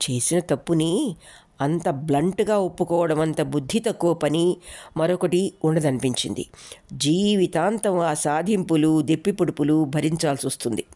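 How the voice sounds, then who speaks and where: Woman reading a novel aloud, lowish voice. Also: mellow. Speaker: storyteller.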